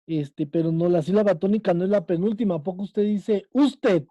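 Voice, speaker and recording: A man with a Mexican accent runs an online Spanish class, quizzing students and repeatedly checking in with them. His high-pitched voice has a dark tone and moves a little fast, and the recording is dry.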